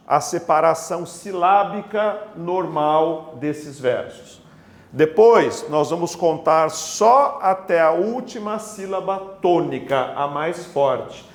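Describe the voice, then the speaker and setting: A man teaching a poetry lesson, slowly spelling out syllables and checking in with his students. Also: on the high side, roomy sound. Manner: slow, deliberate, stretches out syllables when counting; asks the class for agreement with tag questions.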